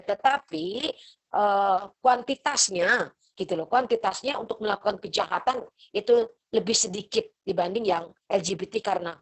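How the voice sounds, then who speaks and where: A woman's voice: medium pitch, poor audio. A middle-aged woman lecturing a university class over a video call, chatty and motherly. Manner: motherly, chatty, acts out parents' lines.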